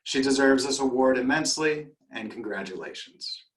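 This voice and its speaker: A man's voice: medium pitch, animated. Formal man presenting an award, roomy echo. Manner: measured, formal reading.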